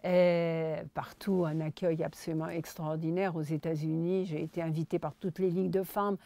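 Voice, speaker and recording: A woman's voice: low-pitched, moderate pace, creaky. A woman, filmmaker and writer, telling anecdotes as an interview guest and acting out the dialogue. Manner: animated storyteller who acts out dialogue. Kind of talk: anecdotal storytelling in a conversation.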